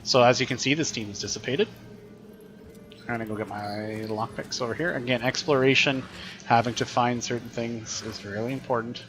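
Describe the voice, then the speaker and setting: A man's voice: medium pitch, normal speed, fairly bright tone, faint music behind. A man teaching while he plays a video game, explaining what happens in a chatty way and thinking aloud. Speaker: teacher streaming gameplay. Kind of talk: casual gameplay commentary.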